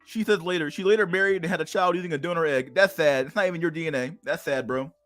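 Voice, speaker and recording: A man's voice: fairly high pitch, quick pace, fairly bright tone, faint music behind. A man in his thirties reading an article aloud on a stream, then breaking off into crude, mocking rants with frequent laughter. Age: 30s. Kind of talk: casual livestream commentary.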